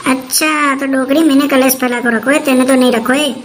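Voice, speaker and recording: A woman's voice: high-pitched, steady tone, brisk, slight background noise, lightly acted. A woman playing a defiant, sarcastic young daughter-in-law who talks back to her mother-in-law in a comic family skit.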